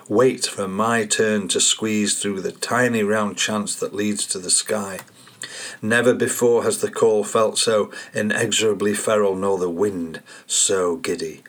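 Slow, low-voiced man reading poetry. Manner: slow, measured, contemplative reading. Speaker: poet and podcast host.

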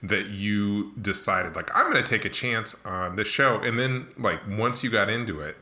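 A man's voice: on the low side, normal speed, bright, forceful tone. A man in casual conversation who tells stories and asks questions. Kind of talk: casual chat.

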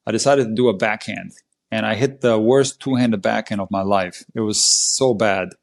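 A man, a tennis coach and podcast guest, tells a match story in an animated, emphatic way. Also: lowish voice, normal speed, creaky. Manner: animated, emphatic play-by-play retelling. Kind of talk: conversational storytelling.

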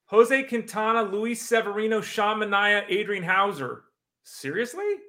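A man co-hosting a casual sports talk show, quick and exasperated, rattling off names. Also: sits high, lively intonation, pushed and bright. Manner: quick, exasperated, rapid-fire lists. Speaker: podcast co-host.

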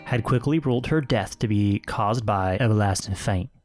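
A man's voice: fairly low pitch, moderate pace, faint music behind. A man co-hosting a podcast, reading a story and chatting between parts in a rambling, self-correcting way. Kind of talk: casual chat and story reading.

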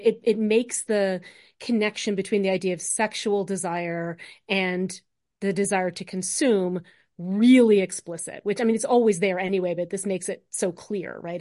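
A woman academic being interviewed, explaining things in an animated, colloquial, emphatic way peppered with "like" and "right?". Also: fairly low pitch, moderate pace. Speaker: academic interview guest, literature scholar. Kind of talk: informal scholarly explanation in conversation.

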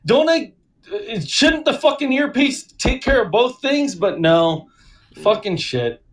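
Give me a man calling in from a parked car over a Bluetooth headset, the phone on the console serving as the microphone, his voice muffled and animated and full of swearing. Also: very high-pitched, takes it slowly. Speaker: podcast guest calling in. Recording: distant muffled phone mic.

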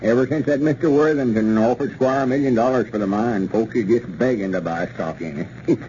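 A man's voice: mid-range voice, a little fast, mellow, lightly acted. An actor playing an eager, gullible small-town man with a rural Southern accent and folksy country talk in an old radio serial. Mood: pleased, eager. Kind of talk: old-time radio comedy serial acting. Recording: dull, noisy old radio recording.

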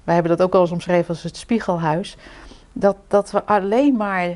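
A woman's voice: on the low side, normal speed, a little mellow. A woman talking in a casual, reflective way as a podcast co-host, with hesitant restarts and easy laughter.

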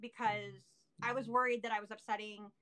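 Bright-voiced woman podcast host. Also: mid-range voice, level tone, brisk, poor audio. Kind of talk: casual podcast interview.

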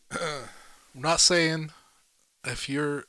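A man's voice: fairly high pitch, fairly even intonation, drawn-out words, bright, forceful tone, clean tone, no echo. A man co-hosting a podcast in casual chat, laid-back and full of fillers, chuckling often. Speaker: podcast co-host.

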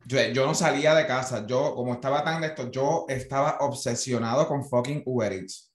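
A man's voice: mid-range voice, a little fast. Puerto Rican young man in a roomy echo. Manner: blunt, swearing, exclamatory. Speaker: podcast co-host. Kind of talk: casual chat.

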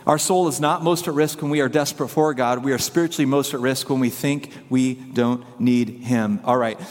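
A man's voice: medium pitch, fairly even intonation, moderate pace, long reverb tail. A man preaching a sermon as pastor, telling a story in a rambling, self-deprecating way.

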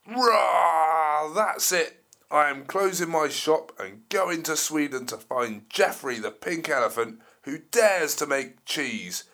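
A man voicing an angry, boastful male dinosaur in a children's story, roaring and shouting threats in a raised, higher voice. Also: animated, takes it slowly, exaggerated voice. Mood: furious roar.

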